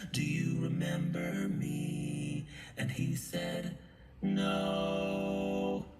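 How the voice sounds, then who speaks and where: A man telling a story in sung lines through a pitch-correction voice effect. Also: very slow. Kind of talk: auto-tuned sung story over guitar. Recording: echoey auto-tuned clip over loud guitar.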